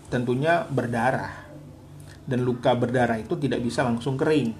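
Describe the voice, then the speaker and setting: A man's voice: mid-range voice, normal speed, a little hiss or hum. A man, a psychologist co-hosting a live Q&A on marriage problems, talking earnestly and animatedly. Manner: earnest, animated, acts out quoted wives and husbands. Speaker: psychologist and co-host.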